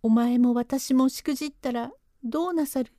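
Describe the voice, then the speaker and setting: Woman voicing reproachful young maid, mellow and dry. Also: sits high, moderate pace, no echo, natural voice. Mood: frightened. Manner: reproachful, protesting. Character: young female servant, frightened and protesting.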